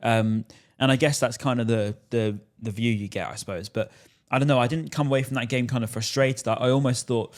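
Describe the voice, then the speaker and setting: A man's voice: mid-range voice, fairly even intonation, brisk, hardly any pauses. A man hosting a casual football chat, talking in long rambling stretches full of restarts. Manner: chatty, rambling, lots of restarts and "you know". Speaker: podcast host.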